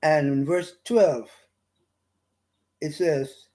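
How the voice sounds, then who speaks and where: A Bahamian man giving an informal Bible study, reading verses slowly and pausing often with fillers and restarts. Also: a little high, warm tone. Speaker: Bible teacher. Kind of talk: slow informal scripture study talk.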